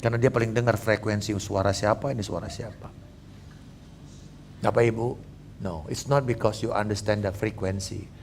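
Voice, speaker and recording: Lively joking pastor in his fifties. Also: lowish voice, moderate pace, vocal fry, pauses often, slight background noise. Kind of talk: sermon.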